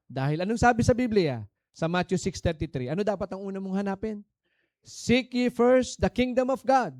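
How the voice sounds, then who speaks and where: A man with a Filipino accent preaching a sermon, telling stories and calling out questions to the congregation, moving between soft asides and emphatic lines. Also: on the high side, dry recording. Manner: preaching in Tagalog mixed with English, swinging between soft and emphatic; calls out to the congregation for answers, storytelling. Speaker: pastor.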